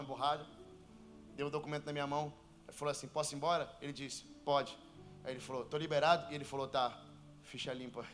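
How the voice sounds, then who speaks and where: High-voiced Brazilian preacher, music behind. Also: male voice. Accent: Brazilian Portuguese. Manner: storytelling, rising to shouted, sung preaching. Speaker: pastor. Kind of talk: sermon. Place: church.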